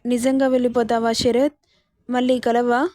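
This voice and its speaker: A woman's voice: on the high side, little pitch movement, normal speed, a little mellow, no echo, lightly acted. A woman voicing a naive, heartbroken young female student in a spoken story, pleading. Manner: pleading, later childlike.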